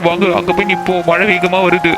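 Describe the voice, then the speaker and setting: A man's voice: high-pitched, flat delivery, quick pace, rough recording. A man voicing an earnest young lover. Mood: reassuring. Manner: earnest, reassuring, coaxing. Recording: loud background music over dialogue.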